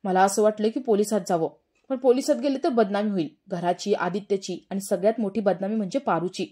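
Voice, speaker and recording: A woman's voice: medium pitch, fairly quick, dark tone, close to an everyday voice. A woman reading the part of a worried young woman explaining over the phone.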